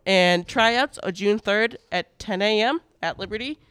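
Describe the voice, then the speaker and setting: A man's voice: sits high, a little slow, sharp tone, clear, resonant tone, dry recording. A teenage boy co-hosting a school morning radio show, reading announcements in an upbeat way with playful asides. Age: teens. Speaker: student radio co-host.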